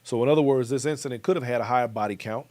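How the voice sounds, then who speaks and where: A man's voice: mid-range voice, racing, a little mellow, no echo. A man with an American accent hosting a commentary show, talking emphatically and speaking straight to his viewers. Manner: emphatic, direct address to viewers.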